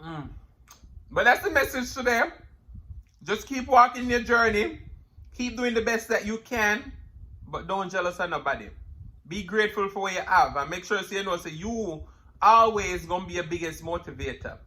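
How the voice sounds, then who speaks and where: A man's voice: high-pitched, lively intonation, normal speed, pauses often, pushed and bright. A man with a Jamaican accent giving emphatic, casual motivational talk to viewers, repeating phrases and murmuring as he eats crunchy fried chicken. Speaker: mukbang vlogger.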